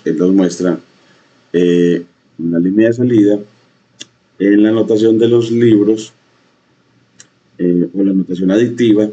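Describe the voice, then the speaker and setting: A man teaching a coding lesson, talking in a halting way with many fillers and repeated phrases. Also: lowish voice, warm tone, breathy edge. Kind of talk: screen-share coding lesson. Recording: dull lo-fi mic.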